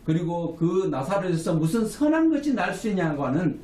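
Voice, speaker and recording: Korean pastor preaching in an echoey room. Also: male voice, high voice, big pitch swings, normal speed, a little mellow, distant mic. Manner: emphatic preaching with rising calls for amen. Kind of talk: sermon. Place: small office room. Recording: echoey room, mic from afar.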